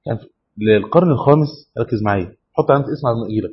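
Husky egyptian sheikh quizzing his class. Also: medium pitch, animated, racing. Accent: Egyptian Arabic. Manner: quizzes students, repeats and prods them to focus. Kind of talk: classroom lesson with questions to students. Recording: dull lo-fi classroom recording.

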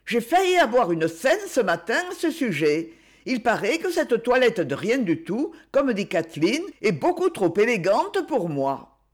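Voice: mid-range voice, very animated, measured pace, voice pushed up. An audiobook reader voicing a modest, spirited young heroine in a lightly raised, earnest voice.

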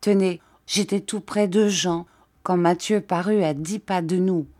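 A woman voicing a weary monotone Corsican man. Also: on the low side, a little slow, natural voice. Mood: grim. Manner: monotone, placid, dragging. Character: weary, coughing middle-aged Corsican man.

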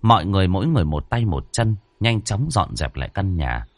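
A man narrating a ghost story in an expressive storytelling manner. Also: sits low, brisk, dry recording.

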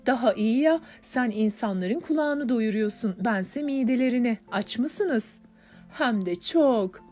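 A woman's voice: a little high, expressive, a little slow, darkish tone, soft background music, pitched above the performer's own voice. A woman voicing an eager young elder sister. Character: warm young elder sister who bakes.

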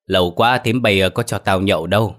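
A jovial old village man, coaxing and folksy, talking a little louder than usual, as a deep-voiced male storyteller puts him on. He speaks in a low register with a rough, homely warmth. It suits a spoken village tale. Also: fast talker.

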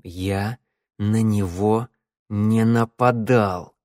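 A man voicing a hoarse, menacing young loner. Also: sits low, steady tone, measured pace, no echo, clean studio sound. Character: sullen, hoarse young man, quietly threatening.

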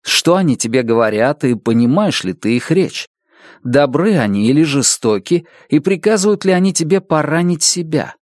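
Male audiobook narrator, lively pitch. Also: moderate pace, no echo, clean studio sound. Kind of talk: scripted narration.

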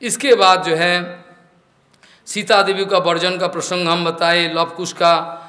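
A man's voice: sits high, level tone, slow, pushed and bright. A male preacher giving a devotional scripture discourse in a temple hall, telling stories and acting out the characters' lines. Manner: storytelling, acting out quoted dialogue. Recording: echoey hall reverb.

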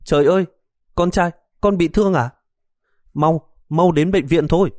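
A man's voice: medium pitch, animated, unhurried, darkish tone, dry recording, studio quality, lightly acted. A man voicing a fussy, worried old mother who nags and scolds her grown son. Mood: frantic worry. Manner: scolding, fretful.

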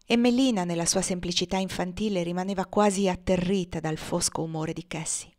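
A woman from Italy reading a classic novel aloud in a measured, expressive storytelling voice. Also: on the low side. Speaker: reader.

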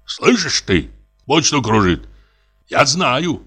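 A man reading an audiobook and voicing a superstitious peasant sexton who mutters hoarse, tearful accusations at his wife. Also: medium pitch, very animated, takes it slowly, bright, forceful tone, faint music behind, voice pushed up, full character voice. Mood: grumbling.

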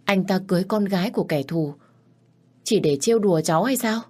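A woman's voice: medium pitch, animated, a little fast, dark tone, voice pushed up, lightly acted. A woman voicing a frightened young bride who speaks earnestly and pleads. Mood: pleading.

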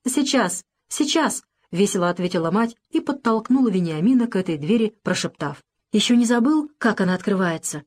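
Woman narrator playing a tender, frail old mother in an audiobook, raised pitch. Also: expressive, quick pace, darkish tone, lightly acted. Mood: cheerful. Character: small stooped older mother, tender and overjoyed.

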